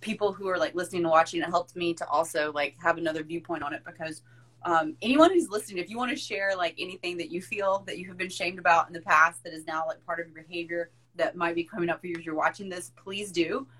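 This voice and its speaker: Brief: woman host, therapist type, casual and animated, peppers speech with "like" and the odd curse. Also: fairly low pitch, fast talker, rough recording. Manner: animated, frequent "like", swears for emphasis. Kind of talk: casual conversation.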